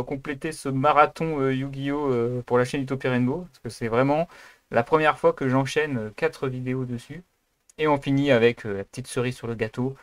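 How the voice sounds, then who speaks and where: A man's voice: medium pitch, a bit bright, no echo. A man hosting his own video channel, giving a casual, improvised introduction. He rambles, apologizes for himself and hesitates often. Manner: rambling and self-deprecating, many hesitations. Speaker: YouTube host.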